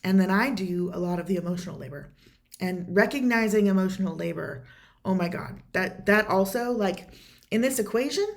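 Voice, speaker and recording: A woman at an ordinary middle pitch with a gravelly, fry-laden texture. She speaks in a casual, heartfelt monologue, restarting sentences and leaning on fillers as she works through her thoughts. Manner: earnest, rambling with many fillers and restarts. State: choked up with emotion at times. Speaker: podcast host answering a listener question.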